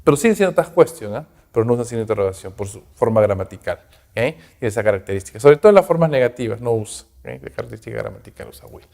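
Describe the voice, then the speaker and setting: A man teaching an English grammar class to students, explaining example sentences and checking in constantly with quick questions. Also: medium pitch, expressive, creaky, a little mellow. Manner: switches between Spanish and English example sentences; addresses students directly. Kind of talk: recorded class lecture.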